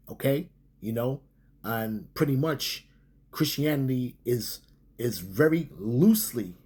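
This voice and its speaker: A man teaching his religious group in a sermon-style talk, halting and full of fillers, often tagging lines with okay and man. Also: medium pitch, darkish tone, breathy edge.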